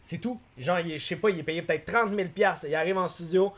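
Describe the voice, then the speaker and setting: A man in his thirties with a Québécois accent, talking as a podcast guest. His voice sits a little high for a man, and he tells rambling, animated stories full of English slang. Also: quick pace. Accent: Québécois French. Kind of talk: casual podcast chat.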